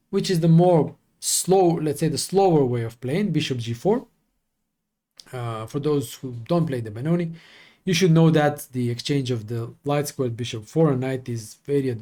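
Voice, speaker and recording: A man working through chess opening lines as a coach, thinking aloud with fillers and quick self-corrections. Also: medium pitch, darkish tone.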